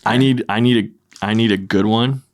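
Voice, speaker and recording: A man's voice: fairly low pitch, steady tone, fairly quick. A man co-hosting a podcast in casual chat, emphatic and repeating phrases, disgusted while eating and smelling gross jelly beans. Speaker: podcast co-host. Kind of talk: casual chat during a food dare.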